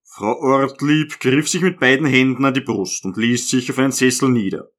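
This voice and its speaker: A man's voice: mid-range voice, normal speed, fairly bright tone. A man reading a novel aloud. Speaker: audiobook narrator. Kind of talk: literary audiobook narration.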